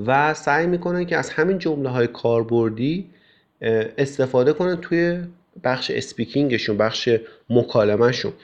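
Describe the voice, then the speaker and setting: A man's voice: medium pitch, darkish tone. Male teacher, step-by-step explanation, filler sounds, slightly dull lo-fi recording. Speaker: English teacher. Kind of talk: classroom explanation.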